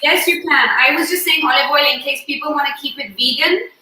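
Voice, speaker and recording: A woman's voice: high-pitched, brisk, bright, forceful tone. A woman hosting a live cooking demonstration from her kitchen. She talks through each step in a chatty, friendly way. She sits a little away from the phone or laptop mic, and her voice is heard through a heavy echo, like a big hall. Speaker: cooking host. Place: home kitchen on a video call. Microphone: phone or laptop mic set a little away from her. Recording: very echoey room with faint hiss.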